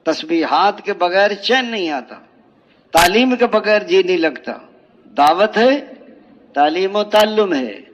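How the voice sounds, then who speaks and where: A man's voice: fairly high pitch, fairly bright tone. A man with a Pakistani Urdu accent preaching an emotional religious sermon, telling parables and asking rhetorical questions. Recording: dull lo-fi audio.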